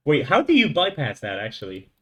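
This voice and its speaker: Speaking in a slightly bright voice on the high side, a young male streamer from France thinks aloud as he codes and chats with viewers. His French accent is light, and the livestream is a casual one.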